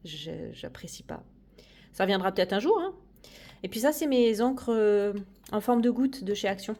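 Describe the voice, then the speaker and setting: A woman's voice: mid-range voice, animated, moderate pace, a little mellow. Chatty woman giving a hobby room tour. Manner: chatty, many hesitations. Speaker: coloring hobby vlogger. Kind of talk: casual room tour chat.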